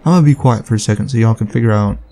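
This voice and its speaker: A man hosting his gaming channel, giving chatty, excitable let's-play commentary and talking back to the game. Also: fairly low pitch, rapid-fire.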